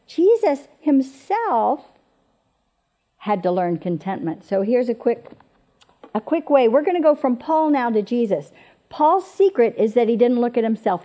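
A woman's voice: fairly high pitch, lively intonation, normal speed, mellow. A woman giving an earnest, emphatic Bible teaching who repeats her key phrases for weight. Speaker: speaker at women's Bible teaching. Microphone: presenting from notes on a screen.

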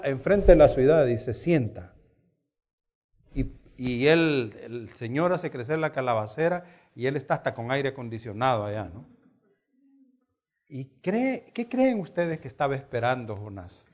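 Animated male preacher, higher voice. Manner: animated storytelling with acted quotes. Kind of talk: sermon.

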